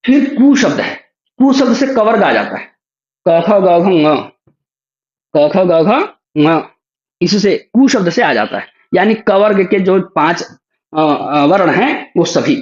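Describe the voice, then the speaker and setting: A man teaching an online class, patiently explaining and drawing out sounds slowly to demonstrate them. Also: high voice. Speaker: Sanskrit teacher. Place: online group call. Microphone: video call. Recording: roomy, dull lo-fi call audio.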